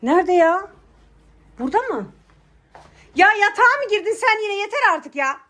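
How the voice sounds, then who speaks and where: A woman with a very high voice plays an exasperated mother in a home bedroom. She scolds and coaxes by turns, sounding worn out. This is a scripted family skit. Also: animated, normal speed, a bit bright.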